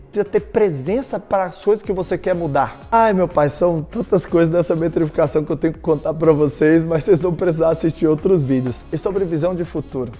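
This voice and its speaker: A man's voice: on the high side, dark tone. A man from Brazil giving a motivational talk as a speaker, telling his story emphatically and speaking straight to the listener.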